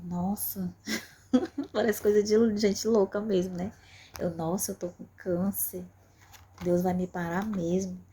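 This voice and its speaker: A woman's voice: on the low side, dark tone, a little hiss or hum. A woman giving an earnest personal faith testimony, repeating phrases for emphasis. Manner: earnest and repetitive, emphatic with frequent fillers.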